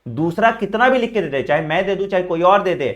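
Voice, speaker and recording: A man's voice: high voice, expressive, fast talker, dull audio. A man coaching exam students in a casual lesson, talking directly and checking in often, mixing in English phrases. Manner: frequent "theek hai" check-ins, addresses students as beta.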